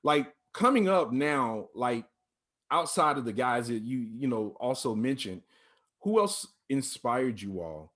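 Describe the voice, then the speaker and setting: A male host with a medium-pitched, sing-song, fairly bright voice speaks unhurriedly in a casual church-music interview. He rambles and repeats himself while encouraging his young guests.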